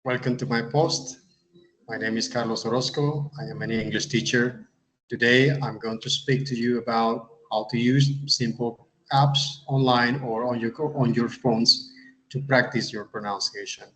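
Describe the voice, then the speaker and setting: A man who teaches English, giving a step-by-step tutorial in a halting way, often repeating words and adding uh. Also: mid-range voice, steady tone, fairly bright tone, low-quality recording. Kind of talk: instructional tutorial.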